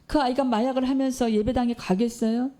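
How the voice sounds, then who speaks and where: A woman's voice: fairly high pitch, steady tone, brisk, dark tone. A woman preacher giving a sermon in a church, telling a story and posing questions to the congregation.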